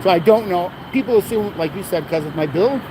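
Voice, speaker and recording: Man, slightly high voice, easygoing and agreeable, phone stream outside, street traffic behind. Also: expressive, fairly quick. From United States. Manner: warm, agreeable, frequent "yeah" and "absolutely". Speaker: livestreamer and protester. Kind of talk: casual street conversation on a livestream. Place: outdoors on a city street with traffic. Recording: outdoor street noise and passing cars.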